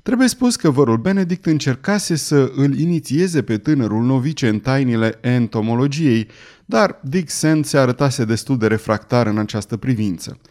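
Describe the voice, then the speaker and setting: A man narrating an adventure novel audiobook in a measured, expressive reading. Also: medium pitch. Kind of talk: scripted narration.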